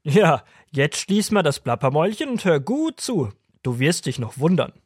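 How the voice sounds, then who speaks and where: A man playing a kind, patient old grandfather who tells children stories, gently teasing. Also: a little high, very animated, normal speed, slightly rough, dry recording, studio quality. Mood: gentle. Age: older. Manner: warm, gently teasing storyteller. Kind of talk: children's audio drama.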